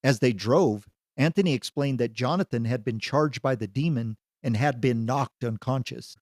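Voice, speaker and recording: A man narrating a story in an even, measured reading voice. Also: mid-range voice.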